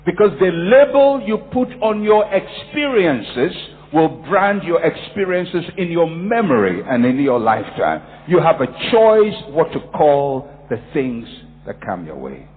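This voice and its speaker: A man's voice: fairly high pitch, very animated, unhurried, few pauses. Preaching man in a reverberant hall. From Ghana. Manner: emphatic, repetitive, storytelling. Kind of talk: sermon. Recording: phone-like audio in a reverberant hall.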